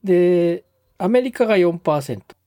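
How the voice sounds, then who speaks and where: A man co-hosting a casual podcast, polite and a little hesitant, pausing on fillers. His voice is mellow and dark but moves lively in pitch. The sound is dry and close. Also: no room sound. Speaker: podcast co-host.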